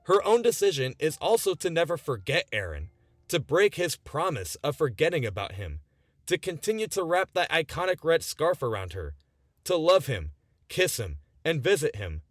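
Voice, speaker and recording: A man in his twenties earnestly narrates a scripted video essay over background music, speaking emphatically and often posing rhetorical questions. His voice is a little high with big pitch swings at a moderate pace, and the studio sound is clean with no echo.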